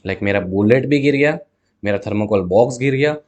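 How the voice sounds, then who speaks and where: A burger seller appears as a guest in a casual interview, telling a story animatedly, acting out both sides of his talks with customers and mixing in English words. He speaks at a moderate pace in a lowish, darkish voice.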